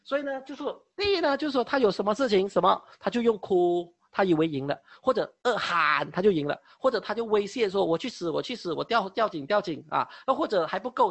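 A woman preacher telling a testimony in her sermon, animated, often laughing and mock-wailing as she tells it. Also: medium pitch, no room sound.

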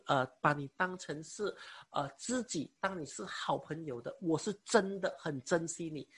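Husky young man preaching, halting. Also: fairly high pitch. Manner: halting, many fillers, emotional. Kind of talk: sermon testimony.

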